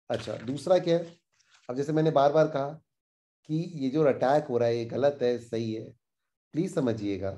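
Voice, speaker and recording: Indignant man explaining the news, mellow tone. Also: a little high. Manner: animated, indignant, mixes English phrases into his talk. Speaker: host explaining current affairs. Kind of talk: casual explainer commentary.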